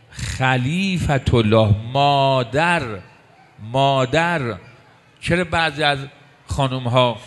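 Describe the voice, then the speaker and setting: A man preaching a sermon, emphatic, repeating key words and slowing down for weight. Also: medium pitch.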